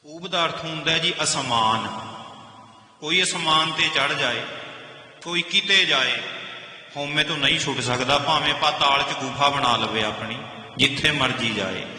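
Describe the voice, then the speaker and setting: A man's voice: a little high, sharp tone. Man chanting and explaining scripture, echoey. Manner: chants each verse slowly, then explains it in plain speech; corrects pronunciation of verse words. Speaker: Sikh scripture teacher. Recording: echoey, reverberant room.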